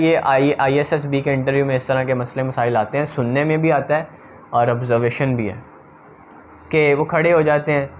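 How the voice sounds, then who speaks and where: A man coaching interview candidates, talking straight to his viewers in a direct, advising way. His voice sits on the higher side for a man. A faint hum of noise runs under the recording. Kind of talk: instructional talk to camera.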